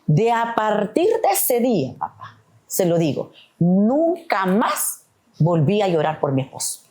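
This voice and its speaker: A woman's voice: mid-range voice, big pitch swings, a little slow, darkish tone. A middle-aged woman, a podcast guest, giving an earnest, emotional testimony of faith, often calling the host "papá".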